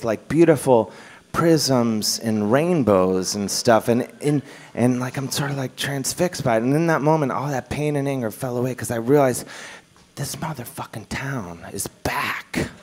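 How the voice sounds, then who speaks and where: A man's voice: mid-range voice, a little mellow. A male comedian telling a story on a club stage in a rambling, self-mocking way, full of fillers. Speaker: stand-up comedian. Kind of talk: stand-up storytelling.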